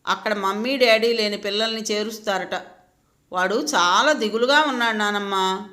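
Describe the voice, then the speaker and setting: A woman's voice: medium pitch, moderate pace, sharp tone, close to an everyday voice. A woman voicing a young grandson who talks in a childlike, pleading way. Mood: tearful. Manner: childlike, pleading, sobbing speech. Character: little boy, grandson, upset and tearful.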